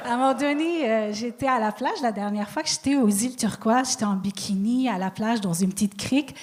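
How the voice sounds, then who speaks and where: Une femme à l'accent non québécois qui raconte des histoires d'elle-même en stand-up, sur un ton moqueur et rieur. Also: female voice, on the high side, a little fast, darkish tone. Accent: non-Québec French accent. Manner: storytelling, self-mocking, laughing. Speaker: stand-up comedian. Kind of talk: stand-up routine.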